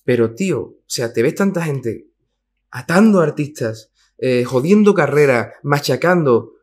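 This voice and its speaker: A man speaking as an interview guest, in a mid-pitched voice. He talks emphatically and colloquially, with slang and the odd curse thrown in. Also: expressive, unhurried, darkish tone, slightly rough. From Cádiz, Spain. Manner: emphatic, colloquial, peppered with slang and mild swearing. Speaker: singer-songwriter guest. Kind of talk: casual interview chat.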